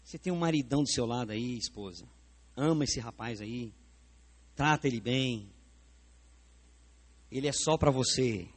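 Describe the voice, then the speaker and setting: In a church sanctuary, a man with a Brazilian Portuguese accent preaches at a moderate pace in a medium-pitched voice, leaving long pauses. The pastor is animated, putting on a live demonstration and directing questions straight at the congregation.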